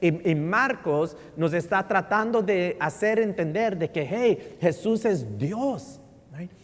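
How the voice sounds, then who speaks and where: Guy preaching in church, keeps saying "right?", goes loud then quiet, big echoey hall. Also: high-pitched, animated, slow pace. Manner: switches between Spanish and English, keeps asking "right?"; swings from loud emphasis to near-murmur. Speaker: pastor. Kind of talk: sermon. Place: church sanctuary. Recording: long reverb in a large hall.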